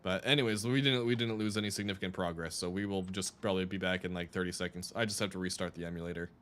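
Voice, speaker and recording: A man's voice: sits low, fairly even intonation, quick pace, fairly bright tone, a little hiss or hum. A young man chatting casually while streaming a video game, rambling with restarts and laughs. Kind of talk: casual live-stream chat while gaming.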